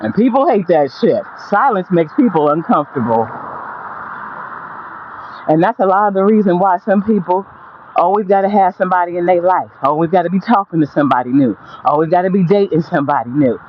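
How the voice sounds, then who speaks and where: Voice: medium pitch, lively intonation, brisk. A person giving a blunt, emphatic, profane motivational monologue while out walking, repeating phrases to drive points home. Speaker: motivational vlogger. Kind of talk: motivational monologue, casual straight talk. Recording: dull lo-fi audio, faint background noise.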